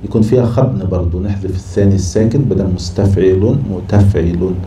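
A man's voice: deep voice, fast. A man teaching poetic meter in class, scanning verses aloud syllable by syllable. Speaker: sheikh teaching Arabic prosody. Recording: echoey room, from far off, faint noise.

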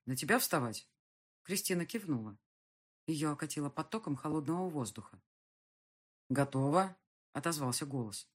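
A woman narrating a novel in a steady storytelling voice. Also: low voice, slightly rough. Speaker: audiobook narrator. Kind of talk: scripted narration.

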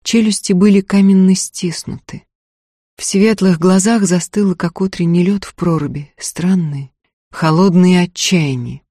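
A man narrating an audiobook in a measured storytelling voice. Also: sits high, warm tone, no echo, studio quality. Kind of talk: scripted narration.

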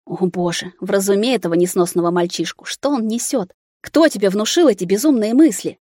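A woman's voice: mid-range voice, fairly quick, dark tone, dry recording, lightly acted. Woman doing a weepy, offended mom, dramatic and plaintive, dry close audiobook sound. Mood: plaintive, indignant. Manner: exclaiming, plaintive. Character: offended middle-aged mother, tearful and dramatic.

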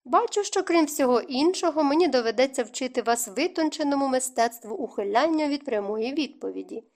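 A man's voice: very high voice, expressive, brisk, darkish tone. A woman reading as a suave, teasing young man. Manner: smooth, teasing, theatrical. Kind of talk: audiobook narration.

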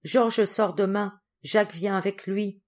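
A woman's voice: mid-range voice, steady tone, measured pace, natural voice. A woman voicing an eager, timid little girl who speaks in a pleading way in a storybook reading.

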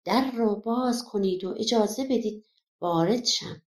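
A woman's voice: fairly high pitch, lightly acted. A woman voicing a bold young male warrior hero in an audiobook folk tale, speaking earnestly. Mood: commanding.

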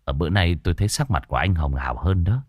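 A friendly middle-aged villager cheers up his sick friend with quick, encouraging chatter, voiced by a man reading a story. His voice is low and lively, and the sound is dry and close. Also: no room sound.

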